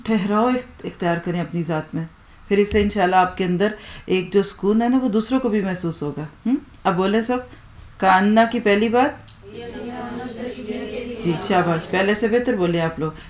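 A woman teaching Quranic Arabic grammar to a class, explaining patiently and asking the students to repeat after her. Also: medium pitch. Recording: echoey room.

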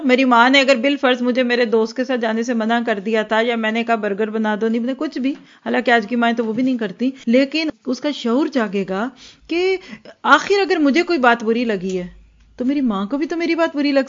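A woman giving an earnest religious lecture, acting out little scenes between mothers and children. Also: on the high side. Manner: earnest, acts out mothers and children in quoted asides. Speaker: religious teacher. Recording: dull lo-fi recording.

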